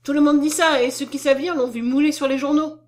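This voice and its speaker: A woman's voice: medium pitch, normal speed, natural voice. A woman voicing a frightened, devout peasant nurse. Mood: alarmed. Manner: exclaiming, anxious and devout. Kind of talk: audiobook character reading.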